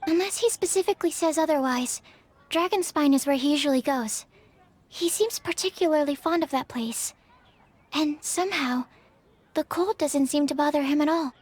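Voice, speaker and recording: A woman's voice: sits high, moderate pace, a little mellow, natural voice. A woman playing a polite, earnest young alchemist in a video game, explaining things precisely and reasonably. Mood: informative. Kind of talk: video game character acting.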